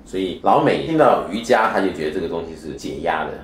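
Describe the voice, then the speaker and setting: A man's voice: low voice, sing-song, fast talker, slight background noise. A man as a spiritual teacher being interviewed, explaining his views in a lecturing way and often asking rhetorical questions. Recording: echoey room.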